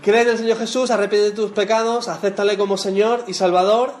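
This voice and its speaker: A man's voice: high voice, fairly even intonation, fast talker. A man teaching a Bible lesson, chatting and quizzing his group with tag questions. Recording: echoey room with faint noise.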